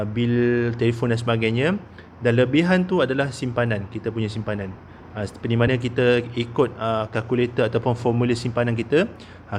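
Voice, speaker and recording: A man's voice: mid-range voice, a little hiss or hum. A man in his thirties with a Malaysian Malay accent, giving a casual investment talk as a consultant, with many "ah" fillers and "okey?" tags. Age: 30s.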